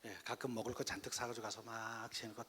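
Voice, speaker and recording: A middle-aged man, a pastor, gives a lively lecture to parents, weaving stories and direct questions to the room. His voice is slightly husky, and it rings out with a long reverb in a church hall. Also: lowish voice, fast talker. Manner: lively storytelling with direct appeals to the audience.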